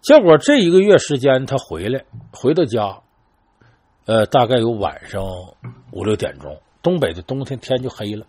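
A man telling an old crime story in a chatty, lively way, talking straight to his listeners and acting out the quoted lines. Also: mid-range voice, normal speed, breathy edge. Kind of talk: casual spoken storytelling.

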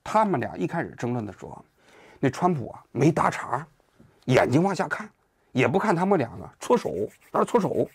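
Male commentary host, lively rhetorical delivery, husky tone, dry close-mic sound. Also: fairly high pitch, fairly quick, dry recording. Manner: animated, full of rhetorical questions. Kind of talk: casual commentary monologue.

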